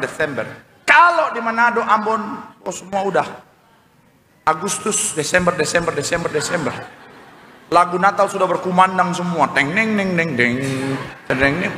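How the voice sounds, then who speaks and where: A male pastor preaches in a high, bright voice, joking and calling for responses from the congregation. His voice rings through a large, reverberant church hall over a steady bed of room ambience. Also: background noise. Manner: playful, calls for audience responses. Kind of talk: lively, humorous sermon.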